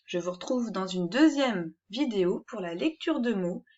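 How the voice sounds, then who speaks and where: A woman teaching a reading lesson, sounding out syllables one at a time and giving clear instructions to young learners. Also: mid-range voice, expressive, a little mellow, highs cut off. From France. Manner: slow, syllable-by-syllable dictation.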